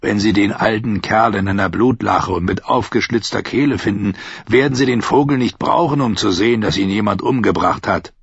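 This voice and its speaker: Guy putting on a low grudging muttering young guy, husky, muffled audio. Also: moderate pace, no echo. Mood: curt. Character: bitter, resentful young man, quietly menacing.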